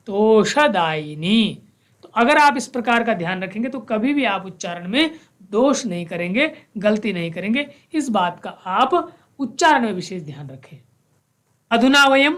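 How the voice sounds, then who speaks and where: A woman teaching a school lesson, reciting verses slowly and explaining how to pronounce each word. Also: medium pitch, fairly bright tone. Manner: slow, measured recitation of verses; explains pronunciation, mixing Sanskrit and Hindi. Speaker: Sanskrit teacher.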